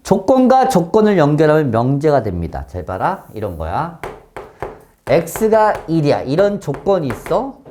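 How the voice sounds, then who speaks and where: A man teaching a math class, often stopping to check that students follow and switching between polite and blunt speech, with sudden loud exclamations. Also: fairly high pitch, huge pitch swings, measured pace, slight background noise.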